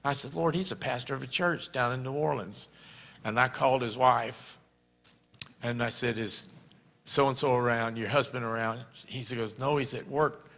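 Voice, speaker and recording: An older male pastor tells a story from the pulpit, his voice gravelly with a bright, forward edge. He acts out each person's lines as he goes. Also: mid-range voice, normal speed. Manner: animated storyteller acting out quoted voices. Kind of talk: storytelling sermon.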